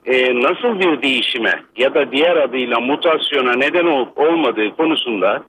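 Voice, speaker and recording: A man from Bursa, an electrical engineer, calling a radio show over a landline phone and explaining in a measured, lecturing way with many hesitant fillers. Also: medium pitch, expressive, a bit bright, slight background noise. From Bursa, Turkey. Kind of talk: explanatory call-in commentary. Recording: dull lo-fi phone line.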